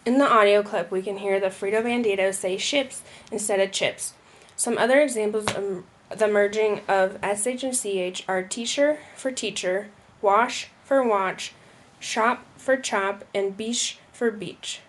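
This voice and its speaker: A woman's voice: medium pitch, steady tone, moderate pace. Young woman reading a school presentation. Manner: reading, occasional slips and restarts. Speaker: student presenter. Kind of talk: read-aloud school presentation.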